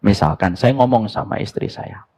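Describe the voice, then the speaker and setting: A man's voice: on the low side, normal speed, creaky. A man preaching a sermon, telling stories with humor and asking his listeners rhetorical questions. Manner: animated storytelling, mixing jokes and rhetorical questions. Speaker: Islamic preacher.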